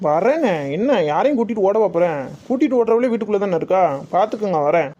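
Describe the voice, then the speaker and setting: A performer voicing a cheeky, wisecracking younger brother in a cartoon family story. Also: male voice, sits high, animated, fast talker, mellow, lo-fi sound. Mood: teasing. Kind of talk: cartoon voice acting.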